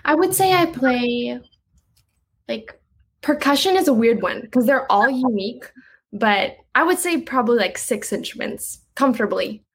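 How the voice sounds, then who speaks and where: A woman's voice: fairly high pitch, expressive, normal speed, breathy edge, low-quality recording. Young woman, chatty, easygoing, says "like" a lot, video call interview guest. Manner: chatty, uses "like" a lot, laughs easily. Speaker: guest musician. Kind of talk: casual interview answers.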